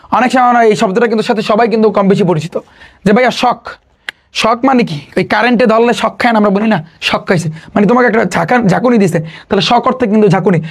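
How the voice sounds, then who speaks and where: Tutor explaining vocab, throws in english words, keeps asking the class what stuff means, middle pitch. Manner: mixes English words into Bengali, quizzes listeners with repeated questions. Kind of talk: online exam-prep lecture.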